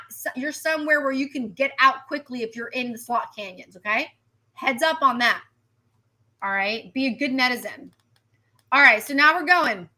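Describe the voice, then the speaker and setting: On a live weather broadcast, a woman meteorologist with a high voice chats animatedly, circling back to repeat herself and responding to comments from viewers.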